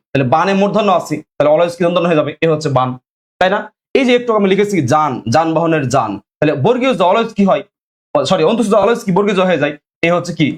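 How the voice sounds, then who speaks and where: Young man, teacher, rapid quizzing delivery, high animated voice. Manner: drills students with repeated questions; asks viewers to comment. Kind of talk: online exam-prep lesson.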